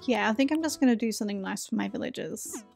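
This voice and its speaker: With a quick, creaky, darkish voice on the high side, a woman in her forties hosts a let's play, chatting casually and self-deprecatingly as she thinks aloud during the game. Faint music plays behind her.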